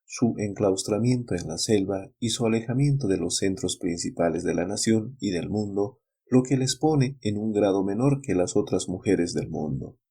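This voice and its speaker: A man narrates folk tales in a measured, slightly dramatic reading. His voice is lowish, husky and mellow. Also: lively intonation. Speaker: reader of legends and tales. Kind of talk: storybook narration.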